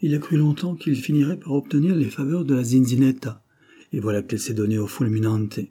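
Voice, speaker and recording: A man voicing a jovial, boastful old bandit captain who talks in a booming, teasing, theatrical way. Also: fairly even intonation, fairly quick, dark tone, breathy edge, lightly acted.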